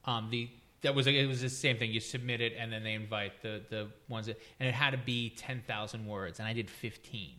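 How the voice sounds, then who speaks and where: A man hosting a podcast, talking in a quick, animated way in casual chat. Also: mid-range voice.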